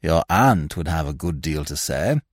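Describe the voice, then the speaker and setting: A man voicing a nervous, anxious older uncle who speaks in hushed, rueful tones. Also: extremely low pitch, expressive, moderate pace, dry recording, studio quality, pitched below the performer's own voice.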